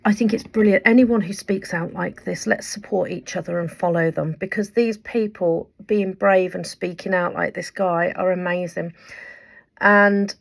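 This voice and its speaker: Low, gravelly woman vlogging. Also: steady tone, normal speed. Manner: earnest, impassioned, rambling with fillers. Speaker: vlogger and writer. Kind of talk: direct-to-camera weekly update.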